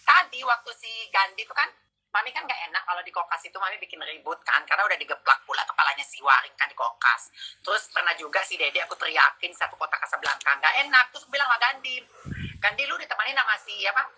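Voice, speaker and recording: A woman in casual gossip chat, telling stories loudly and dramatically and mimicking people, heard over a tinny phone-like line. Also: lowish voice, expressive, quick pace, husky. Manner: loud, dramatic storytelling with mimicry. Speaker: social media personality.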